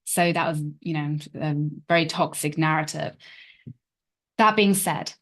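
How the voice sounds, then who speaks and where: A woman's voice: low-pitched, unhurried. A woman in her thirties, a relationship coach, telling her life story in a reflective way full of fillers. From England. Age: 30s. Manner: reflective, hedging with many fillers. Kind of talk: personal story monologue.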